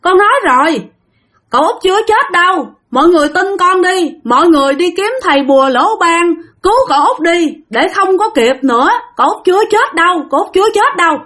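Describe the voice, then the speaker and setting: A woman's voice: very high voice, animated, a little fast, fairly bright tone, voice pushed up. A woman voicing a young woman who pleads urgently, as if something is speaking through her. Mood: pleading, urgent.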